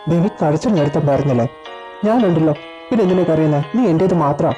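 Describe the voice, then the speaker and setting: A woman voicing a possessive, teasing young male lover in an audio story drama, speaking low and smug. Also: animated, fast talker, dark tone, lo-fi sound, faint music behind. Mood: doting. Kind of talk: audio story drama with one reader voicing all roles.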